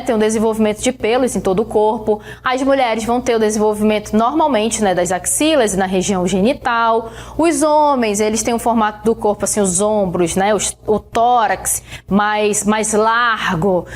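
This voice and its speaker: A woman teacher with a Brazilian Portuguese accent giving a recorded science lesson, explaining step by step and often checking in with her students. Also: on the high side. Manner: explains slowly, checks in with "né?" and "tá bom?".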